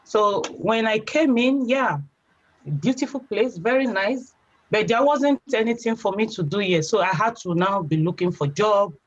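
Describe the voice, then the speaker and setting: A young adult woman with a Nigerian accent, a guest telling her story in a chatty, relaxed way, often saying "you know". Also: medium pitch, moderate pace. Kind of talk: casual interview. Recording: slightly dull lo-fi sound.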